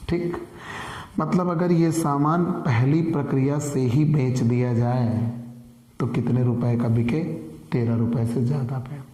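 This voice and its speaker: A man's voice: medium pitch, fairly even intonation, unhurried, mellow. A man with a sore throat teaching a commerce lesson. He repeats key points and asks questions that he then answers himself. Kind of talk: classroom lecture. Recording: echoey room with long reverb.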